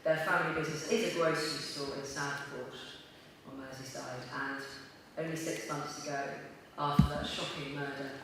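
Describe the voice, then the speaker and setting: A man's voice: a little high, fairly even intonation, moderate pace, a bit bright. A man hosting a memorial reception, speaking off the cuff to a room of guests and guiding them through a candle lighting. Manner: unscripted, with fillers and restarts, addressing the room. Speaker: event host. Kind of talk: live event hosting. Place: large dim reception hall. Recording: echoey hall, distant mic, audible room noise.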